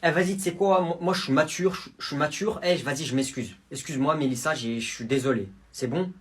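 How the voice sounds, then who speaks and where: A man's voice: fairly high pitch, a little fast. A man acting in a comedy sketch, speaking in a hesitant, apologetic way. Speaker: sketch actor.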